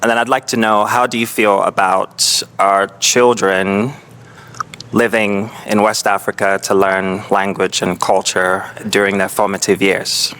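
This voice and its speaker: A man's voice: lowish voice, level tone, measured pace, fairly bright tone, clean tone. A man on a dating show asking questions in an easygoing way, with hesitant fillers. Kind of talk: casual chat.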